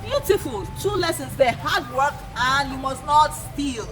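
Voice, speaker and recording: A woman with a Nigerian accent, working as an educator, tells folktales to children, repeating her points and asking questions like a teacher. Her voice is high and lively in intonation, and she speaks unhurriedly over music on a low-quality recording.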